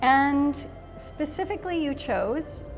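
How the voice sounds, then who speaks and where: A woman's voice: high-pitched, animated, slow pace, over music. A woman hosting an interview, friendly and encouraging, with short affirmations. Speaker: interviewer, host. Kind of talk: casual interview chat.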